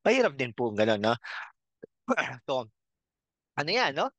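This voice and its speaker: Filipino man rambling, slow commentary. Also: mid-range voice, sing-song, fairly bright tone, no room sound, rough recording. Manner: rambling, frequent tag question "no?"; slow, halting with fillers and throat clearing. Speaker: channel host. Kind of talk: casual political commentary vlog.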